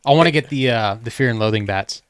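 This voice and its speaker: Fast-talking man in casual podcast chat. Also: mid-range voice, smooth, dry recording. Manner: tells stories, acting out quoted people. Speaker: podcast co-host.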